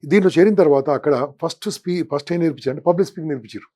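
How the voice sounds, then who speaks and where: An older man, giving an interview as a motivational speaker and telling his story in an animated way, listing things off and acting out quotes. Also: on the high side, very fast. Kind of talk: casual interview talk.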